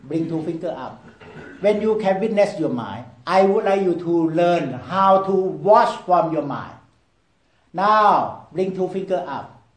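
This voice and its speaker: A man leading a group meditation in broken English, often asking "okay?" and swinging between loud prompts and hushed near-whispers. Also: sits high, expressive, slow pace, echoey room, low-quality recording. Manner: non-native broken English, repeats "okay?". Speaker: meditation teacher. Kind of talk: guided meditation talk.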